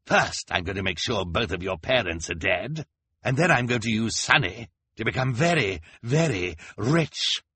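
Theatrical storybook villain, cruel and gloating, bright edgy tone, dry close sound; a man performs it. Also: fairly low pitch, sing-song, breathy edge, no echo, heavily acted. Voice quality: drawn-out, sneering delivery. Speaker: audiobook reader. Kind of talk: audiobook character voice.

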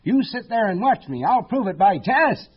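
A man's voice: sits high, very animated, moderate pace, husky, dull audio, voice pushed up, full character voice. A man voicing a boastful male rabbit who shows off about his hearing in a storybook reading. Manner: bragging, showy.

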